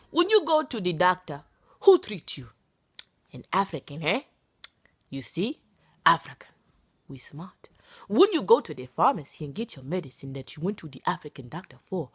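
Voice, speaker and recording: A woman from the United States in her thirties chats casually to camera. Her voice is husky and lowish, with lively swings of pitch. She talks in a playful, dramatic way. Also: no echo. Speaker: vlogger. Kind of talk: casual vlog chat.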